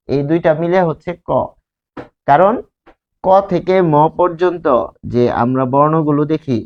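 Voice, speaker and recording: Male teacher with a dull lo-fi sound. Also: a little high. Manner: asks questions and answers them himself; spells words out slowly piece by piece. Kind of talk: grammar lesson at a board.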